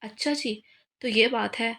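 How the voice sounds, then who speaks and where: A woman's voice: a little high, a little slow, gravelly, sharp tone, heavily acted. A woman reading the lines of a confident young husband who teases his wife in a romance novel.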